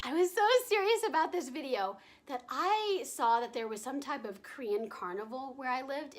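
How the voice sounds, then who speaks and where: A woman's voice: on the high side, a bit bright. Bubbly giggly young woman vlogging. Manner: bubbly, giggly, drawn-out enthusiastic gushing. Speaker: travel vlogger. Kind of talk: casual vlog narration.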